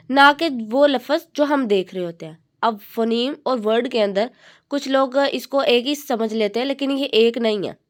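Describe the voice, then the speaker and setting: A woman teaching a lesson, patiently explaining, sounding out letters slowly and using many fillers. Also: fairly high pitch. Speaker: English teacher. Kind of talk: explaining lesson in Hindi-Urdu.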